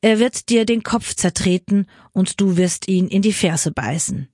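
A woman's voice: medium pitch, animated, measured pace, darkish tone, no echo, studio quality. A woman reading the words of a stern God passing judgment, in a solemn, grave manner.

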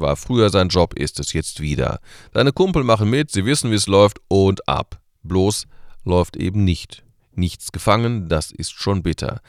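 Deep-voiced man leading a radio service. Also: no room sound, clean studio sound. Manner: conversational, rhetorical questions. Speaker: radio church service host. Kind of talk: radio sermon.

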